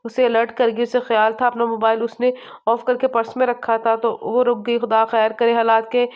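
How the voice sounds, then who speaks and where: A woman narrating a romance novel as an audiobook, reading in a steady, even way. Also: a little high, normal speed, clean tone. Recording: slightly muffled lo-fi audio.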